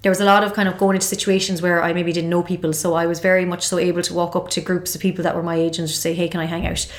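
A woman from Ireland with a west of Ireland accent chats at a quick clip. Her voice sits a little low, and she tells her stories in a rambling, conversational way, as a guest would. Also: level tone. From Ireland, born in Dublin and raised in Galway. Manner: chatty, rambling storytelling. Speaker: interview guest. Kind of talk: casual autobiographical chat.

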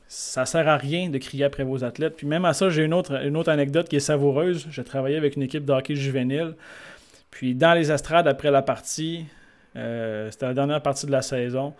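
Animated Québécois man telling stories. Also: mid-range voice. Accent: Québécois French. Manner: lively storyteller who acts out the people in his stories. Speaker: sports coach and guest speaker. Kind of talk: anecdote-telling in a conversation.

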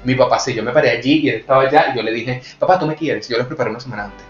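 A man's voice: mid-range voice, rapid-fire, muffled recording. Frank Venezuelan man chatting. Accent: Venezuelan Spanish. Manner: frank, animated storytelling. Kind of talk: casual candid chat. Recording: echoey room with faint music.

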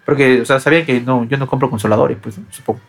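A young man in his twenties with a Peruvian accent, telling a personal story in casual podcast chat, animated and full of restarts. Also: mid-range voice, gravelly. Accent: Peruvian Spanish. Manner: fast, animated anecdote-telling with many restarts. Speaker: podcast co-host.

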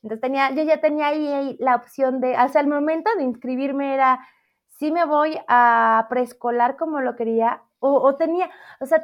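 A woman, a math teacher, chatting in an interview about her career path in a lively, self-deprecating way. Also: high-pitched. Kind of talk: casual interview chat. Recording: slightly dull lo-fi audio.

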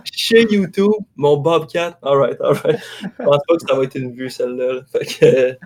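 A man's voice: medium pitch, normal speed. A young man with a Québécois accent hosting a podcast, telling casual stories and laughing often. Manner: laughs often, relaxed storytelling. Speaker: podcast host. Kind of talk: casual chat.

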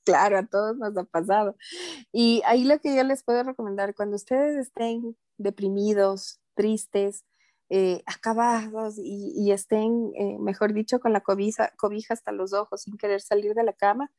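A woman guest on a podcast, talking in a calm, earnest and gently reassuring way about spiritual matters. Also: medium pitch, moderate pace, no room sound. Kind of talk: casual interview talk.

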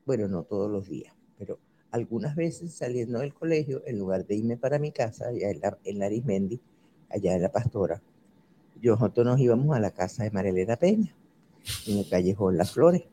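A man reminisces about his school days in a mellow, dark voice. He repeats words as he searches his memory. A faint hiss of noise sits under the recording. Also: lowish voice, lively intonation, fairly quick.

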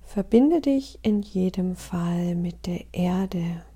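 A woman leading a guided meditation in a calm, soothing, breathy and husky voice, often close to a whisper, with deliberate pauses. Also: on the low side.

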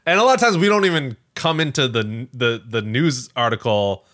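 This man's medium-pitched voice is animated and a bit bright, moving at normal speed as he co-hosts a podcast. In loose conversation he wanders from point to point, frequently correcting himself and repeating phrases.

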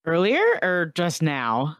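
Low-pitched woman playing a tabletop game. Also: wildly swooping pitch, slow, a bit bright, dry recording, studio quality. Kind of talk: casual game chat.

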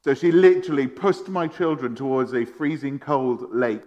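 A man's voice: mid-range voice, moderate pace, a little mellow, dull audio. Man, thirties, friendly host, chatty, filler words. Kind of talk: casual storytelling in a tribute.

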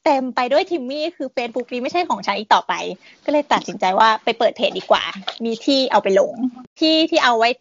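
A woman's voice: on the high side, expressive, a little fast, hardly any pauses, lo-fi sound. A woman in her twenties, a guest chatting casually as an enthusiastic, talkative fan. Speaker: podcast guest, fan page admin. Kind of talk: casual chat.

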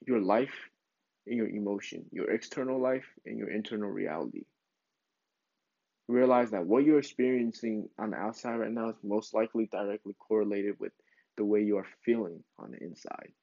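A man's voice: fairly low pitch, normal speed, vocal fry, dark tone, dry recording. A man giving a casual, encouraging spiritual pep talk in an informal, rambling way, as a self-help vlog host. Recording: dull lo-fi sound.

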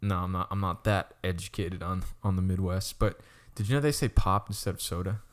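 A man's voice: sits low, brisk. A young man co-hosting a casual chat, rambling with lots of stammered restarts and frequent laughter. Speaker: podcast co-host.

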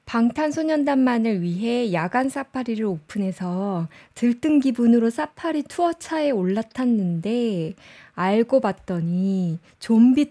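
A woman's voice: fairly high pitch, mellow. A woman casually commenting on show clips, chatty and often laughing as she explains. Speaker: host reviewing show clips.

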